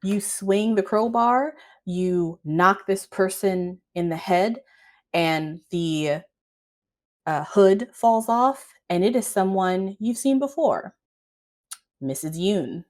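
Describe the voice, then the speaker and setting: A woman's voice: medium pitch, animated, takes it slowly, darkish tone. A woman narrating a tabletop role-playing game as game master in an informal, improvised way.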